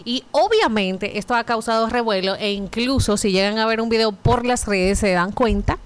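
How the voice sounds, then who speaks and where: A woman co-hosting a radio talk show, chatting in a lively, teasing way and laughing along. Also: on the high side, normal speed, smooth. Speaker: radio co-host.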